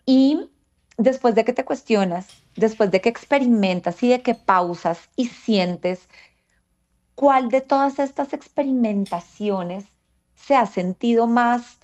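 A woman's voice: a little high, slow, darkish tone. Reflective woman, lo-fi sound. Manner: reflective, asks herself rhetorical questions. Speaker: guest speaker. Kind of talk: conversational podcast explanation. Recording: dull lo-fi sound.

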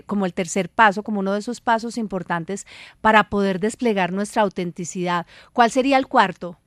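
A woman's voice: fairly high pitch, no room sound. Lady hosting a podcast, agrees a lot, asks whats next, dry close audio. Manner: agreeing, affirming, prompting next point. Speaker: podcast host. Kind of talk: conversational podcast interview.

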